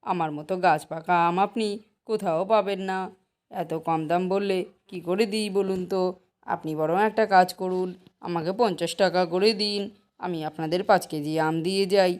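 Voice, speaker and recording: A woman's voice: lowish voice, steady tone, moderate pace, darkish tone, close to an everyday voice. A woman voicing a poor village mango seller who pleads and bargains to sell her fruit. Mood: persuasive. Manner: pleading, persuasive sales talk. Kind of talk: Bengali cartoon voice acting.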